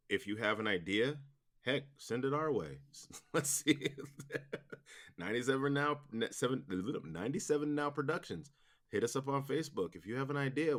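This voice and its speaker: Here the same kind of guest, a man who produces audio dramas, chats casually and eagerly about what he does, wandering off in an informal way. His voice sits on the low side and sounds fairly bright.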